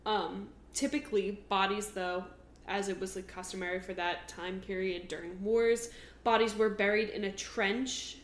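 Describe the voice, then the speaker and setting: A woman's voice: medium pitch, fairly even intonation, normal speed. A young woman co-hosting a podcast, telling a history story in a loose, chatty way that often breaks into giggles. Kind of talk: casual storytelling chat. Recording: roomy recording with faint noise.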